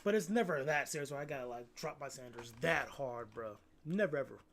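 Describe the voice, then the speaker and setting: A man's voice: mid-range voice, lively intonation, a little fast, fairly bright tone, a little hiss or hum. A young man chatting casually, laid-back and slangy, often calling others "bro". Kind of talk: casual chat.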